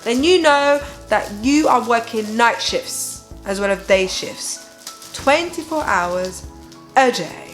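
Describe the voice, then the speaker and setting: This exhausted young mother, who hosts a parenting channel, talks slowly in a slightly high voice with lively intonation. She confides her feelings to viewers candidly and emphatically, checking in as she goes, over faint music on a low-quality recording.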